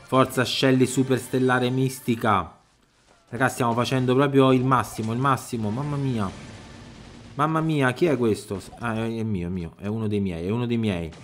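A man giving excited live commentary over his own gameplay, swinging from loud urgent pleas to low mutters. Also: normal speed, a little hiss or hum. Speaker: gaming YouTuber.

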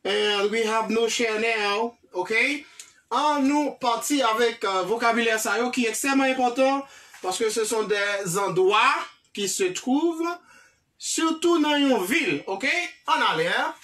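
Teaching English words in an online lesson that blends English, French and Creole, this Haitian-accented woman says each term slowly more than once and keeps asking "ok?". Her voice runs on the high side and sounds a bit bright.

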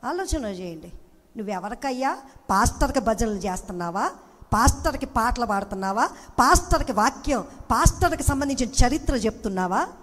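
A woman's voice: a little high, expressive, brisk, fairly bright tone, long reverb tail. A woman pastor with a Telugu accent, preaching a passionate sermon full of rhetorical questions in a church.

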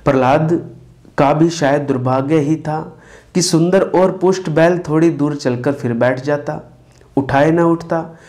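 A man narrates a devotional moral tale at an unhurried, deliberate pace. His voice is mellow and dark in tone, though his pitch sits a little high. He briefly acts out the characters' lines as he goes. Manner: slow, deliberate storytelling with brief acted quotes. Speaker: spiritual storyteller.

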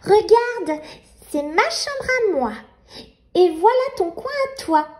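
Woman playing high-pitched feisty little girl. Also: very animated, takes it slowly, full character voice. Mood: cheeky, bossy. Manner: childlike, exclamatory. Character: feisty, cheeky little girl, proud big sister. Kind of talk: children's storybook read aloud.

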